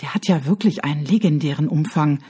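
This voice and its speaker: A mischievous girl from a children's story, sly and growly, as a woman reader puts her on. Her voice stays low and quiet, with a husky grain. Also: fairly quick.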